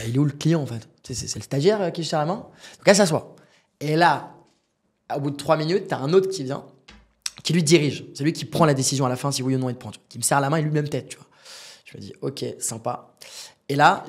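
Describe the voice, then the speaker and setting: A young man with a husky edge in his voice tells a story at a brisk clip, acting out every character's lines. He is a podcast guest sitting across from the host and keeps talking straight to him, slangy and animated. His voice sits a little high for a man. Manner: animated, acts out dialogue, uses slang and asides to the host. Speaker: guest, business founder.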